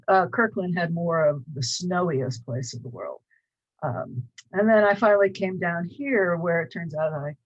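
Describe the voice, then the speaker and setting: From her small home office, a Cleveland-born woman in her sixties with a Northern US accent chats loosely about the college course she teaches, leaning on many fillers. Her deep voice comes through a desk webcam with dull-sounding audio.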